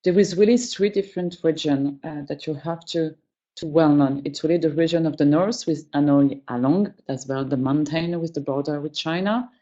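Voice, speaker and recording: This webinar features a female trainer from a travel firm whose English is not native; she pauses a lot while hunting for words. The audio is dull, and her voice is low and mellow.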